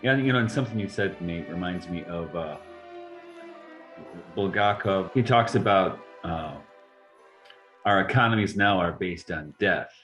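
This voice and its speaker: A man with a very low voice talks reflectively and reads passages aloud in a conversational discussion. Faint music sits behind him. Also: measured pace, long pauses, fairly bright tone. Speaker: course teacher.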